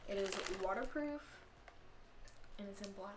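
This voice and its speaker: A young woman chatting casually as she talks through a makeup tutorial step by step, giggly and relaxed. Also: medium pitch, normal speed. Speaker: makeup vlogger. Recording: echoey room with clear background noise.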